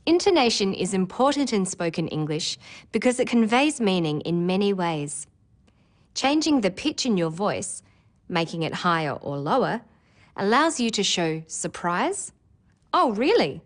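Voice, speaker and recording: A woman presenting an English exam preparation lesson in clear, careful scripted narration. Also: medium pitch, big pitch swings, normal speed. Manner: clear, careful delivery with demonstrated intonation.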